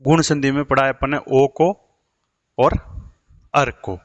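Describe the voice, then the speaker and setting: A man's voice: mid-range voice, steady tone, measured pace, dry recording. A man teaching an exam-prep grammar lesson, asking questions and answering them himself.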